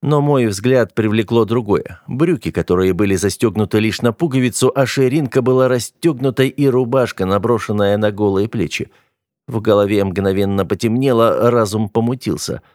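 A man's voice: on the low side, normal speed, darkish tone, no echo, clean studio sound. A man reading a first-person audiobook with dramatic, tense delivery. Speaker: audiobook narrator.

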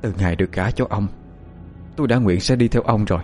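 A man's voice: lowish voice, fast talker, a little mellow, soft background music, natural voice. A male narrator voicing a resolute noblewoman, a devoted wife and mother, speaking with firm, tearful resolve.

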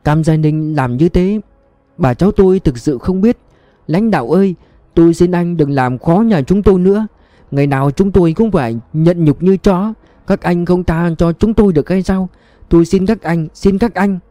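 A man's voice: fairly high pitch, lively intonation, a little fast, mellow, dry recording, voice pushed up, close to an everyday voice. A man putting on a sobbing, pleading old woman. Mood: weeping, pleading. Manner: sobbing, begging. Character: elderly grieving woman, tearful, pleading.

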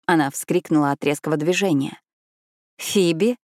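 A woman narrating a novel in the first person, with measured, dramatic storytelling. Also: lowish voice, lively intonation, a little mellow, no echo, studio quality. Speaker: audiobook narrator.

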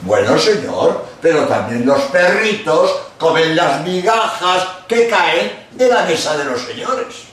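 A man quoting a humble woman who answers meekly in a sermon, in a soft, lowered voice. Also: very animated, slow pace, hardly any pauses, heavily acted. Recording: echoey hall, voice from far off.

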